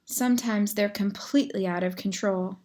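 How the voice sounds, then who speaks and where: A woman's voice: medium pitch, fairly even intonation, normal speed, darkish tone, close to an everyday voice. A woman voicing a protective mother bear in a storybook reading, firm and motherly. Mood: apologetic.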